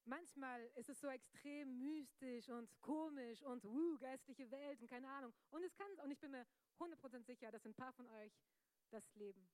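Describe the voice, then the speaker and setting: High-voiced young woman preacher. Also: normal speed, no echo. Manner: energetic, laughs often, jokes with the audience. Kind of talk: lively youth sermon.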